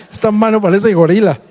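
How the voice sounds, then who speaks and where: A man's voice: sits high, a little mellow. A middle-aged man preaching a sermon as a pastor, conversational and humorous, with many rhetorical questions. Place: church hall. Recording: long church-hall reverb.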